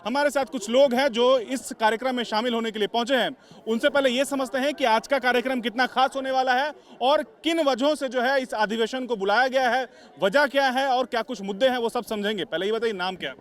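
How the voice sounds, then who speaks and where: A man's voice: very high-pitched, fairly quick, hardly any pauses, a bit bright. A man reporting outdoors from a party convention venue, asking probing questions, with frequent fillers. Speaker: news reporter. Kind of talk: on-site news interview.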